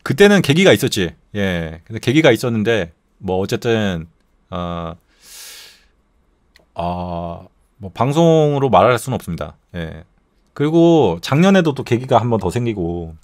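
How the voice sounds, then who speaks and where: Animated, swearing middle-aged male streamer. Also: lowish voice, measured pace, no room sound, clean studio sound. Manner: profane, animated storytelling with constant swearing. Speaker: streamer host. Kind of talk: casual live-stream chat.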